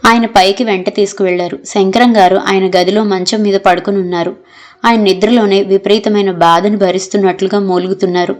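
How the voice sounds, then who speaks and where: A woman narrates a novel aloud in steady, measured scripted reading. Her voice sits in a middle pitch range, even and unhurried. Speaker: audiobook narrator.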